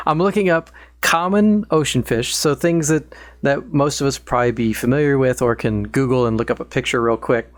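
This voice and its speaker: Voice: medium pitch, normal speed, dry recording. Dry-sounding podcast host leading a game. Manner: relaxed, leads the games. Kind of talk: casual chat.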